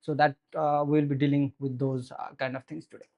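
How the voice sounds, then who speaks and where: A man's voice: medium pitch, flat delivery, brisk, creaky, lo-fi sound. A man from Nepal in his thirties with a Nepali accent, giving a meetup tech presentation into a handheld mic, earnest and explanatory with many "so" and "uh" fillers. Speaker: software engineer giving a meetup talk. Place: meetup room with audience, indoors. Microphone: handheld microphone.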